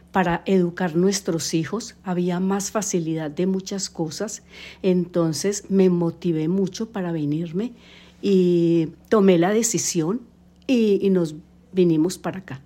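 An older woman, a grandmother answering interview questions hesitantly, with many pauses and fillers. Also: lowish voice, mellow. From Colombia. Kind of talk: casual family interview.

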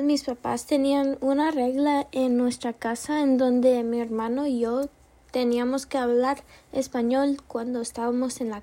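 A young woman student with an American English accent hosts her own class podcast in a high, warm voice. She speaks slowly and carefully, making small self-corrections now and then.

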